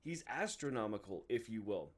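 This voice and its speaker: A man with a low voice and big pitch swings talks at a normal speed, recorded from a distance. He hosts a movie review video, ranting to camera in a casual, opinionated way that's emphatic, exasperated and heavy on profanity.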